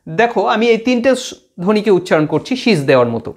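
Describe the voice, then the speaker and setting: High, lively-voiced man teaching phonetics. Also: fast talker. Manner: patient, repeats and demonstrates sounds aloud. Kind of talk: explaining Bengali phonetics to students.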